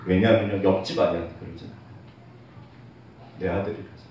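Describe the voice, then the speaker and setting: A man's voice: deep voice, fairly even intonation, fast talker, darkish tone. A man preaching a sermon as pastor, candid and heartfelt, with light self-teasing humor toward his congregation. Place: church sanctuary. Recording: very echoey church hall, voice picked up from far off, faint hiss.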